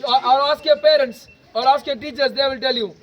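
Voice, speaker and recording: A young man with an Indian English accent, switching into Telugu as he teaches a self-defense class to students, calling out loud commands. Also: very high-pitched, fairly quick. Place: outdoors at a school, large group of students. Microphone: no microphone, camera at a distance. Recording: dull lo-fi sound, crowd noise.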